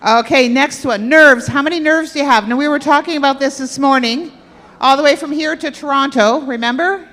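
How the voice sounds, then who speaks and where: A woman with a somewhat high voice gives a lively workshop talk, teasing and quizzing the crowd as she goes. Her voice echoes through a big hall with a long reverb tail. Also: a little fast. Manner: playful, quizzes the audience. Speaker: health workshop presenter. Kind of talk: interactive talk to an audience. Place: church hall with stage and aisle.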